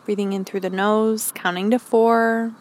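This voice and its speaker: A woman podcast host leading a calm grounding meditation, giving gentle, encouraging instructions. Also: mid-range voice, measured pace.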